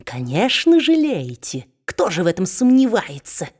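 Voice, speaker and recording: Woman doing a sneering gruff dwarf man. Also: lowish voice, huge pitch swings, measured pace, a little mellow, full character voice. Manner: sneering, gloating, growling. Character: spiteful mocking male dwarf, gruff and low.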